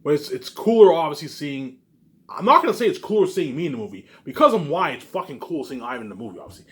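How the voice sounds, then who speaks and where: An online video creator delivers a casual, rambling monologue, boastful and repetitive, leaning on the same catchphrases with emphasis and plenty of swearing. His voice is on the high side, sing-song and fast.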